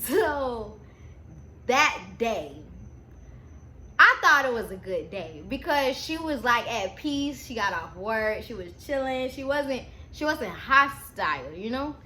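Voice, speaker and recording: A young adult woman with a slightly high voice and a slow pace tells a story to camera in a storytime vlog. She chats casually in a slangy, easily sidetracked stoner way, full of informal, animated asides. The room is echoey, with faint background noise.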